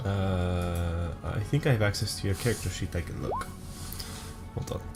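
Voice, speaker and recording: A man's voice: deep voice, animated, normal speed, creaky, over music. A man playing a tabletop game, chatting in a matter-of-fact, helpful way. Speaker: player. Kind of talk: casual chat.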